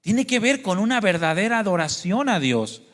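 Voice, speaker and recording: A very animated preacher with a fairly high, slightly bright voice addresses his congregation at a moderate pace, his words trailing off in the long reverb of a church hall. Earnestly, he recounts his testimony, questions the listeners, and calls them brothers and sisters.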